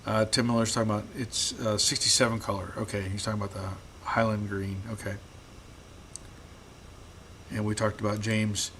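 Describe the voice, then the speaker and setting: Sitting in his garage, the host reads and replies to live stream comments, laid-back and hesitant, repeating words here and there. His lowish voice has grown rough with extended talking, with slight background noise.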